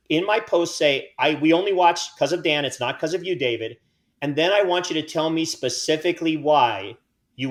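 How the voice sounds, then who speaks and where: A man hosting a podcast in a loose, chatty way, full of teasing and self-mockery. His voice sits a little higher than most men's. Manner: joking, self-mocking banter. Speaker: podcast host. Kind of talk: casual podcast chat.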